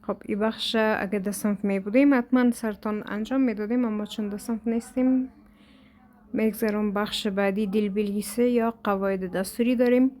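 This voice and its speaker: A woman with an Afghan Dari accent teaching a language lesson from a textbook. She reads each example aloud and then explains it slowly, step by step. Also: mid-range voice, fairly even intonation, a little mellow.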